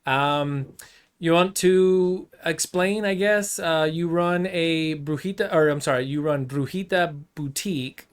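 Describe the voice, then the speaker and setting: A man's voice: fairly high pitch, measured pace, smooth. A man hosting a casual podcast, joking and easygoing with his guest. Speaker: podcast host. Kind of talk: casual chat.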